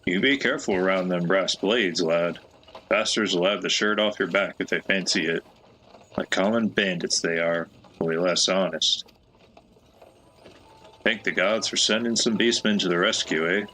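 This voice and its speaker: A man's voice: low-pitched, normal speed, sharp tone, low-quality recording. A man voicing a chatty, folksy old male peddler with a put-on American Southwestern drawl, reading game dialogue in character.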